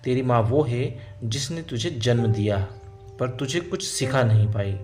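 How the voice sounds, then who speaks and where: A man's voice: medium pitch, unhurried, darkish tone, faint music behind, close to an everyday voice. A man voicing a stubborn, angry elderly mother-in-law who scolds harshly in a storybook tale. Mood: angry scolding.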